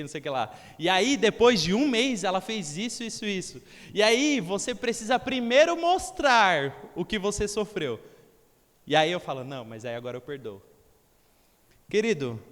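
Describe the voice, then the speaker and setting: A man's voice: high-pitched, fairly bright tone. A young man preaching a sermon in a church hall, talking conversationally and acting out the people he quotes. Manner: conversational, acts out quoted voices. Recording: long reverb of a church hall.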